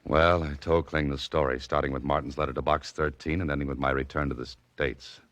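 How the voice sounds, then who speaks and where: A wry writer in an old radio show. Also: male voice, a bass voice, fairly even intonation, a bit bright, no room sound. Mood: narrating. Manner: quick wisecracking delivery, stammers when pressed. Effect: old radio show broadcast sound. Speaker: lead and narrator of a radio drama. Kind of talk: 1940s radio drama acting. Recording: dull lo-fi old radio recording with faint music.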